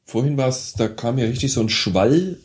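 A man's voice: medium pitch, animated, darkish tone. A man with a Franconian German accent, co-hosting a casual beer tasting with chatty, joking remarks. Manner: chatty and joking, quick asides. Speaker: podcast co-host, beer taster.

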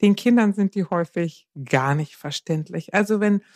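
Woman on a parenting podcast, calm explainer, quotes parent and kid lines, dry close sound. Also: mid-range voice, moderate pace, dry recording. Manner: calm, explains with examples, acts out quotes to a child. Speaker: podcast co-host giving parenting advice. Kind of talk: casual advice chat.

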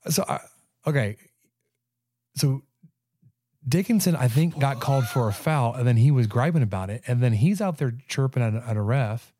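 Man in his thirties, mellow voice, chatty sports podcast host, dry sound. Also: medium pitch, normal speed, husky, no echo. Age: 30s. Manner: animated storyteller, stammering restarts. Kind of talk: casual sports chat.

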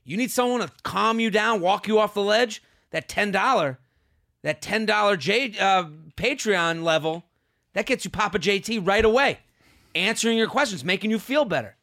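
A man's voice: high-pitched, animated, moderate pace, creaky, sharp tone. A man hosting a comedy podcast with an exuberant, repetitive, self-hyping manner, talking casually to his listeners. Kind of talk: high-energy podcast intro, casual plug to listeners.

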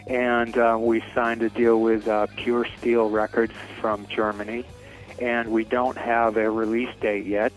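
A middle-aged metal band vocalist answers interview questions in a casual chat, hesitating with many fillers and restarts. He speaks unhurriedly in a lowish, level voice, and the low-quality recording has faint music behind it.

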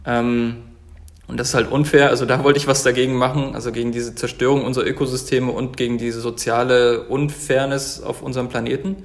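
Earnest man, halting speech. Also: mid-range voice, flat delivery. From Germany. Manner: earnest, full of fillers and restarts. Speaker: guest, company founder. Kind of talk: casual interview talk.

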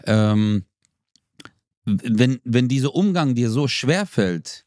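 A laid-back man chatting on a podcast in a slangy, easygoing way, now and then acting out what people say. His voice sits at an ordinary middle pitch. The recording is dry and close, with no room sound. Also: lively intonation, slow pace, a little mellow, dry recording. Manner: laid-back, slangy, acts out quoted lines. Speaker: podcast co-host. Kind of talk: casual chat.

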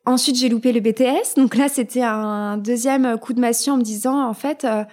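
A woman with a fairly high voice chatting as a podcast guest. She talks loosely and keeps restarting her sentences, with lots of "euh" between thoughts. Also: fairly even intonation, normal speed, a little mellow. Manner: hesitant, many fillers and restarts. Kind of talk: casual interview chat.

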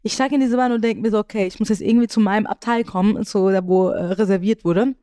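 A woman co-hosting a casual podcast, telling a lively anecdote and acting out the people in it. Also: mid-range voice, fast, smooth, no echo, studio quality. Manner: animated anecdote telling, acts out quoted voices. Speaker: podcast co-host. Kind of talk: casual podcast chat, storytelling.

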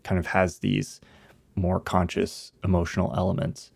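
A man's voice: sits low, completely flat delivery, normal speed, gravelly, darkish tone, slightly rough. A man co-hosting a film podcast, thinking aloud in a reflective, casual way and restarting his sentences as he goes. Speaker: podcast co-host.

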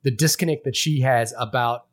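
A man's voice: mid-range voice, moderate pace. A man from Fiji, a podcast co-host, talking through a film in casual, rambling chat full of restarts and fillers.

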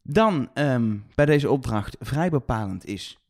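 Brabant man with lively intonation. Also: medium pitch, takes it slowly. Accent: Brabant Dutch, soft g. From Brabant, Netherlands. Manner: analytical, hesitant with many fillers. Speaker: podcast co-host. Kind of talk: casual chat.

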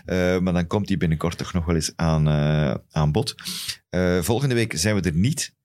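A man with a low-pitched voice and a Flemish Belgian accent. He talks as a podcast host in loose, colloquial football chat, telling stories as he goes. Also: normal speed, darkish tone.

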